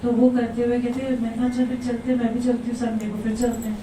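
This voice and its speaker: A woman recounts a devotional story to listeners gathered around her, voicing each person's lines as she goes. Her voice sits fairly high but soft and mellow. She is picked up from a distance in a very echoey room, with faint ambience underneath. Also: fast talker, a little hiss or hum. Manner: animated, acts out quoted dialogue. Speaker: devotee sharing a testimony.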